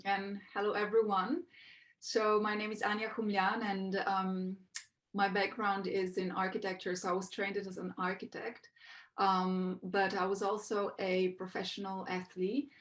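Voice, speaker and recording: Woman guest, architect, thoughtful and casual, mid pitch. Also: level tone, measured pace. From Slovenia. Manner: thoughtful, many fillers and "like". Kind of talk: casual interview.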